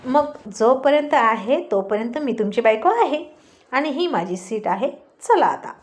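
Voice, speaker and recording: A woman's voice: on the high side, animated, measured pace. A woman voicing a stubborn but timid young wife who talks in a pleading, insistent way in a spoken story.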